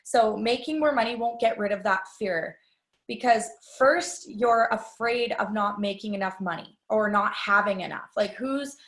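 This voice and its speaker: In an echoey room, a business trainer with a mid-range voice speaks at normal speed to a live audience. She chats with them directly, in a confiding tone, and relates experiences of her own.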